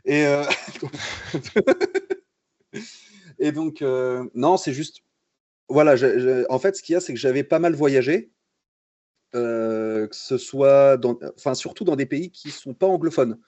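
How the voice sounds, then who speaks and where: A man's voice: mid-range voice, slow, long pauses, dry recording, highs cut off. A young man from France, a concept artist guest on a livestream, telling his story casually with jokes, fillers and restarts. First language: French. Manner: relaxed, joking, many fillers and restarts.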